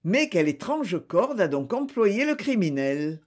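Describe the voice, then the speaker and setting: A man's voice: high-pitched, sing-song, measured pace, exaggerated voice. A man voicing a forensic doctor who speaks in a dry, matter-of-fact way. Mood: puzzled.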